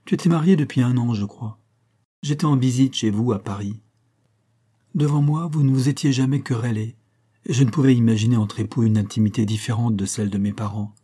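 A man's voice: medium pitch, fairly quick, dark tone, breathy edge, close to an everyday voice. A man voicing a prim, unmarried schoolteacher aunt who confides an old secret with earnest feeling, in a read-aloud story. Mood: impassioned confiding.

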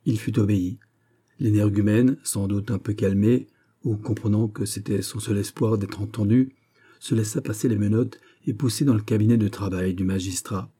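A man narrating an audiobook in a steady, measured way. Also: lowish voice, breathy edge.

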